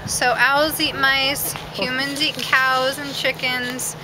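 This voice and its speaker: Outdoors at a zoo, a woman volunteer patiently and casually explains owls to visitors, using small fillers. Her high-pitched voice has little pitch movement and a slow pace. A distant camera picked it up amid loud outdoor noise.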